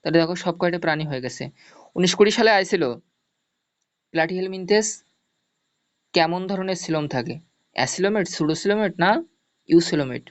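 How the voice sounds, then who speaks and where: A man's voice: high-pitched, a little fast, long pauses. Male teacher, lo-fi lesson audio. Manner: explains step by step, checks understanding, repeats mnemonics. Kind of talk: online zoology lesson. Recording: dull lo-fi audio.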